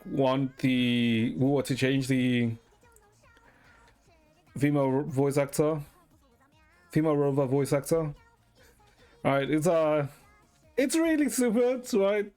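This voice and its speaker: Over soft background music, a live streamer talks at a measured pace with frequent pauses, rambling casually and hesitantly. The medium-pitched voice is clean and darkish, with regular "right?" tags and the odd curse.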